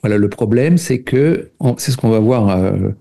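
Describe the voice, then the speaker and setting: A man's voice: on the low side, lively intonation, normal speed, gravelly, dark tone. A man speaking as a radio guest, explaining nutrition and food intolerances at length with frequent hesitations and cited studies. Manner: explanatory, many fillers, cites studies.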